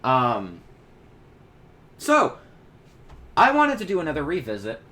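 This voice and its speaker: A chatty man commenting over a video he is watching, his pitch bouncing around a lot as he talks. He fills his speech with ums and likes and throws in quick jokes and asides. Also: big pitch swings, pushed and bright. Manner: chatty, joking, with many fillers and quick asides. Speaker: reaction video host.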